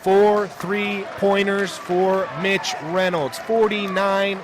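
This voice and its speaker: A young man gives live radio play-by-play of a basketball game from a school gym, his voice pitched high with little movement and a slow pace. The courtside sound is noisy, with crowd noise, gym ambience and basketballs bouncing clearly behind him.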